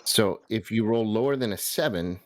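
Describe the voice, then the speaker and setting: Casting: young male game master, low-ish voice, dry sound, halting with lots of ums. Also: no room sound, soft background music. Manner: hesitant, many ums, laughs. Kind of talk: running a tabletop game session.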